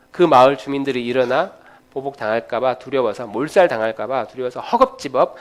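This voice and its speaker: A man preaching a sermon, retelling a story in an animated, conversational way with frequent filler sounds. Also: medium pitch. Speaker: pastor.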